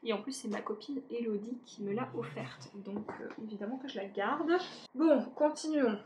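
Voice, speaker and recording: A woman's voice: on the high side, normal speed, a little mellow, slight background noise. A woman beauty vlogger sorting her makeup palettes in a casual, chatty way, teasing herself and talking straight to her viewers. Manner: chatty, self-mocking, talks to viewers directly. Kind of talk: casual makeup declutter chat.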